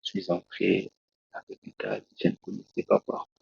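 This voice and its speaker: Deep gravelly preacher telling his testimony. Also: very animated, darkish tone, no echo. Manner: slow, halting storytelling with many restarts. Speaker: preacher, guest. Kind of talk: testimony in a talk show interview. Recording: dull, lo-fi dry sound.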